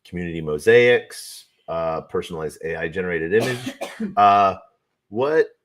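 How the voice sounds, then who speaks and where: A man hosting a livestream, thinking aloud in a slow, halting way while testing AI tools. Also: low voice, a bit bright. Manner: slow, halting, trailing off with fillers. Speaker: livestream host.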